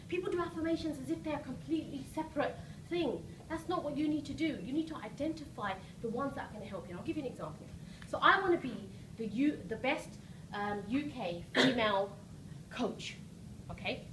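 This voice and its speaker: A woman giving a rousing, emphatic motivational seminar talk as a coach, often checking in with short questions. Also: a little high. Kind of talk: motivational seminar speech to a live audience. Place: live seminar room with audience. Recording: roomy echo, distant mic, noisy background.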